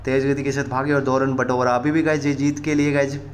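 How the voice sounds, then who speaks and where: A man giving excited cricket commentary as a gaming streamer, often repeating himself and addressing his viewers. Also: medium pitch, fairly quick.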